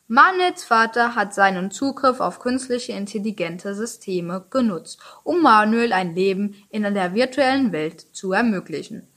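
A teenage girl reading a scripted plot summary in a steady manner. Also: fairly high pitch. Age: teens. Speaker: student presenter.

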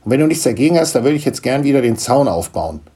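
A man voicing a small, bearded male dust gnome in a storybook reading, fussy and excitable with a gravelly, husky voice. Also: medium pitch, quick pace, voice pushed up. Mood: gruff friendly. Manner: fussy, excitable, tearful complaining.

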